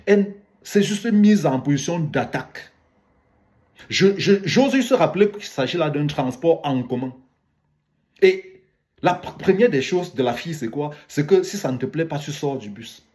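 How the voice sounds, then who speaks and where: A man's voice: a little high, expressive, normal speed, a little mellow. A man with a light African French accent commenting on a video in a didactic monologue, repeating phrases for emphasis.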